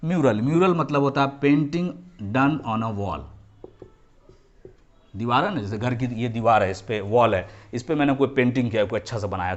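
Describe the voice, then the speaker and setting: The recording is muffled, and the man's voice sits at a medium pitch. In his classroom history lesson for children he explains every term, reinforces key points by repeating them, and often switches to English phrases.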